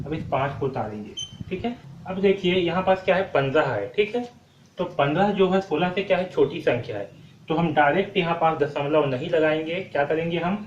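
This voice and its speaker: Man teaching maths in an echoey room. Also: on the high side. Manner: repeats questions and answers them himself, frequent "ठीक है" checks. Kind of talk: step-by-step board lesson. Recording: echoey room, distant mic, muffled sound, noisy.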